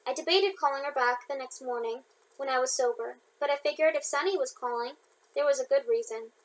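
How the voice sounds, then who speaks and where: A woman's voice: high voice, a little fast, poor audio. A young woman reading her own audiobook aloud in an informal way, with slips and chatty asides to listeners. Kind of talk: audiobook narration.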